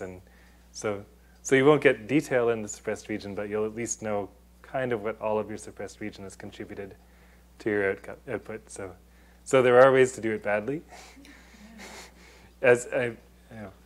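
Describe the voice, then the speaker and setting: A man with a fairly low voice presents to a room of listeners. He explains methods step by step, often restarting phrases and filling pauses with "um". It has the measured flow of an academic talk. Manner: explanatory, with many restarts and fillers. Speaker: presenter on data confidentiality. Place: lecture room.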